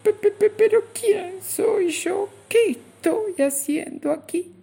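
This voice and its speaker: A woman's voice: lowish voice, lively intonation, slow pace, vocal fry, dark tone, slightly rough, full character voice. A woman doing a stammering, bewildered little bug. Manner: stuttering, plaintive questioning. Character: small lost bug creature, anxious and bewildered.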